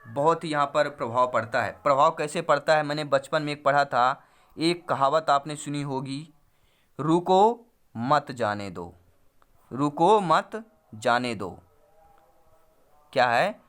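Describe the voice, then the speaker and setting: Bright, somewhat high-pitched male tutor who explains answers step by step and repeats key points. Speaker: teacher. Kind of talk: exam-prep lesson.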